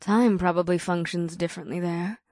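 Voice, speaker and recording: A man voicing an affectionate, gently teasing succubus woman in a spoken story, lifting his voice high and soft. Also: fairly even intonation, normal speed, no room sound, clean studio sound.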